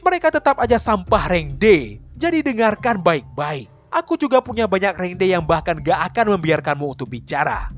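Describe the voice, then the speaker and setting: Arrogant loan shark boss, guy reading him, condescending, high lively voice, faint music. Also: normal speed. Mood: threatening. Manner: threatening, condescending.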